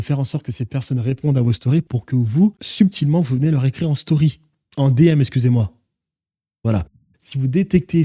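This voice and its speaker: Warm-voiced male coach, dry close sound. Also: mid-range voice, no echo. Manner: direct, instructive, addresses viewers as "vous"; lists steps in short clipped phrases. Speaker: business coach. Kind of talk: teaching an online marketing course.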